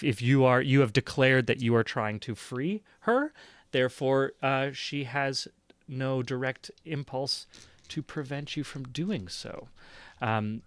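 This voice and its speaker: A man running a tabletop game as game master, explaining rules and story in a measured way with frequent fillers. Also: mid-range voice, dry recording. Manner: measured, thinking aloud with fillers.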